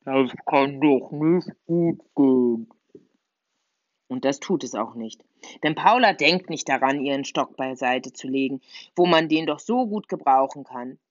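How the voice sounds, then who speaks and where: A woman reading a children's audiobook aloud with a lively, playful manner. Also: a bass voice, normal speed, dry recording, dull audio. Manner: lively, playful, voices characters. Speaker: audiobook narrator.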